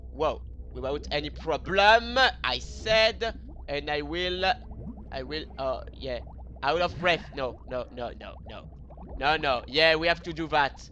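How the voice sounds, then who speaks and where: A man's voice: on the high side, bright, forceful tone, slight background noise. A man commenting on his own gameplay as a let's play host, rambling and hesitant, talking to himself with many fillers. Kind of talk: game commentary.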